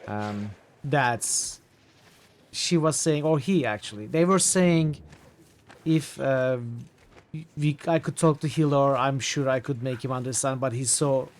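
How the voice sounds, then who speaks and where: A man giving casual, halting playthrough commentary on a video game, thinking aloud. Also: mid-range voice. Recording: faint music behind the voice.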